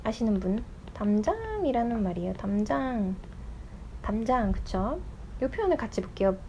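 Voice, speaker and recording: A woman teaching an English lesson online, explaining expressions step by step, asking her students questions and reading example lines slowly. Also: on the high side, sing-song, mellow, dull audio, a little hiss or hum.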